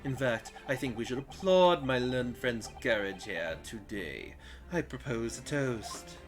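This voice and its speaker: A man's voice: mid-range voice, animated, over music, lightly acted. A man voicing a cold aristocratic male prosecutor in a courtroom video game, drawling sardonically. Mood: sardonic. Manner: slow, sardonic.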